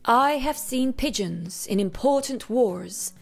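A woman reading aloud, voicing a wise old male pigeon who speaks wistfully and dreamily in a low, hushed way. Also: animated, slow pace, vocal fry, faint music behind, heavily acted.

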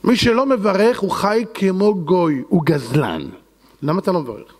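A man's voice: high-pitched, a little mellow, in a large hall. A man preaching a sermon as a rabbi, fervent and dramatic, acting out the voices he quotes.

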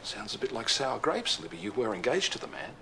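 An actor playing a brisk, businesslike hospital boss and father in a TV soap. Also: medium pitch, big pitch swings, pushed and bright, slight background noise. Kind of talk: TV soap acting.

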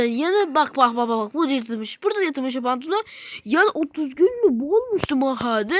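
A video game YouTuber with a high-pitched voice gives let's play commentary that is rambling and exclamatory. He often repeats phrases and speaks straight to viewers, with no echo.

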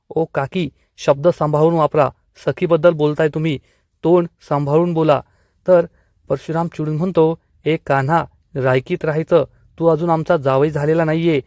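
A man narrating an episode recap in a steady storytelling way, reading the characters' lines in his own voice. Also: a little high, dry recording, studio quality.

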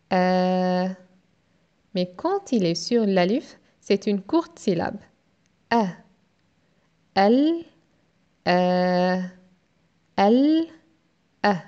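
A woman teaching Quran reading in a slow step-by-step lesson, drawing out syllables patiently. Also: mid-range voice, warm tone, dull audio. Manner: drawn-out syllable drills, patient.

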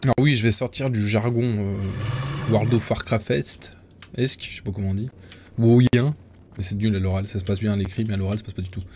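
A man's voice: on the low side, fairly even intonation, a little fast, darkish tone, a little hiss or hum. A man chatting casually and joking around while he streams himself playing an online game. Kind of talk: casual gameplay commentary.

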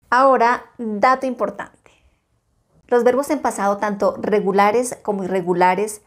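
A woman teaching English grammar, slowly reading bilingual example sentences with careful pronunciation. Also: on the high side. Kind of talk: slow bilingual grammar lesson.

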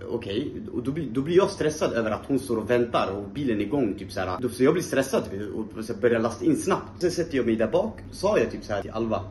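A man's voice: medium pitch, expressive, hardly any pauses, a little mellow, roomy sound, a little hiss or hum. A man vlogging, telling a story in a casual, rambling way full of fillers, sounding tired. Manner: rambling, heavy use of fillers.

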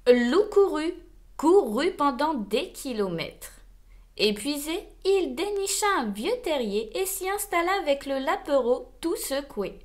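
A woman reading a children's storybook aloud, slow, expressive and gentle. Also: high-pitched.

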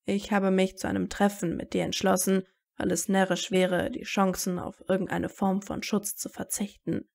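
A woman's voice: medium pitch, little pitch movement, moderate pace, creaky, darkish tone. A woman voicing a guarded teenage wizard boy who answers in clipped, wary retorts in a fan audiobook. Her own reading voice carries him. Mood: wary, bitter.

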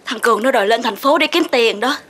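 A distraught middle-aged mother , acted by a woman, speaks in a high voice. She is tearful and pleading in a family TV drama. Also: fast talker, fairly bright tone, slight background noise, close to an everyday voice. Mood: worried. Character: distraught rural mother begging her son to stay. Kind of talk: TV drama acting.

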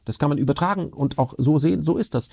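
Fast-talking gravelly man. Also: fairly high pitch. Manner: emphatic, rambling, animated. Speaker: interview guest. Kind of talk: casual conversation.

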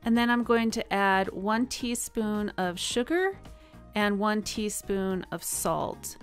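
A woman's voice: medium pitch, slow. Chatty woman narrating a cooking video. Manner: relaxed, chatty, with small laughs and fillers. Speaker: cooking channel host. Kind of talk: friendly voice-over cooking instructions. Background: soft guitar music.

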